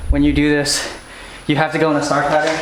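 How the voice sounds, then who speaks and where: A man walking viewers through car maintenance in a casual how-to style, chatty and hurried as he works. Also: fairly high pitch, completely flat delivery. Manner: hurried, chatty, restarts phrases while working. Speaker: DIY car maintenance vlogger. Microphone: camera-mounted mic. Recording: echoey garage, faint noise.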